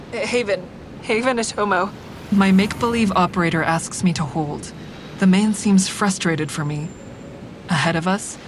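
An actress narrates an audio drama in first person as a grieving, quietly deceptive woman. Her voice is natural, her manner measured and introspective, and a steady vehicle rumble carries on behind.

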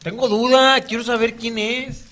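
A man's voice: very high-pitched, flat delivery, a little slow, fairly bright tone. A man joining a comedy podcast as co-host, chatting casually with lots of slang. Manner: laid-back slangy chatter. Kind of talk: casual banter.

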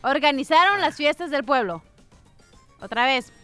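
A woman co-hosting a radio comedy show, playful and quick with banter. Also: high-pitched, expressive, fairly bright tone, soft background music. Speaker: radio co-host. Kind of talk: joke-telling radio banter.

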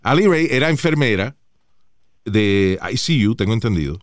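A male podcast host chatting casually, his pitch bouncing around as he tells stories and swears freely. His voice is smooth and clear. It sounds dry and close on a studio microphone. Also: moderate pace, no echo. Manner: animated, mixes Spanish and English, swears freely. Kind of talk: casual chat.

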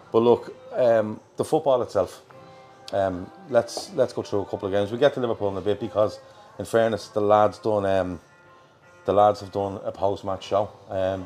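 A man's voice: lowish voice, darkish tone. An Irish man hosting a football show as a casual live chat, in a colloquial, matey manner. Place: pub in Liverpool. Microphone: worn mic.

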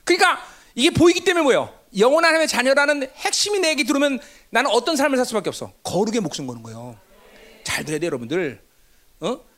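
A woman giving a sermon-style Bible lecture. She keeps asking her listeners rhetorical questions and answers them herself, with emphatic bursts and sudden low, hushed asides. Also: big pitch swings, fast talker. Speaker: Bible teacher.

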